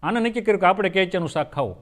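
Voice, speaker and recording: A man's voice: sits high, expressive, very fast, a bit bright. A man telling folksy comic stories on stage and acting out his characters' lines. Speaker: folk comedian. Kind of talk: stage comedy storytelling.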